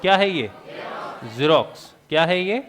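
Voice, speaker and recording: A male teacher lectures a class. He keeps throwing quick questions at the students and answers them himself, with jokes along the way. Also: high-pitched, expressive, fairly bright tone, a faint crowd. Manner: jokey, laughs at his own remarks.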